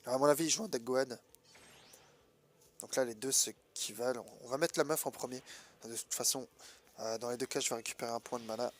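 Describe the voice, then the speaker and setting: A man's voice: medium pitch, brisk, long pauses, noisy background. Congested, nasal man doing gameplay commentary. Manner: colloquial, hesitant, thinking aloud. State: sick with a blocked nose. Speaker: gaming video host.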